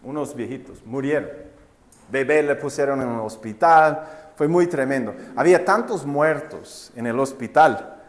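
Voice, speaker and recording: A man's voice: medium pitch, measured pace. A male pastor preaching a sermon, telling a story and often asking the congregation rhetorical questions. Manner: addresses listeners as brothers and sisters.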